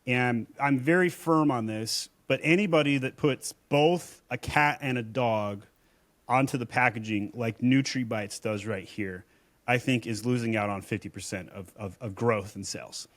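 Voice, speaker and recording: A man's voice: medium pitch, normal speed. Blunt, emphatic man talking business. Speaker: Amazon seller and agency owner, podcast guest. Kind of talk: casual podcast conversation.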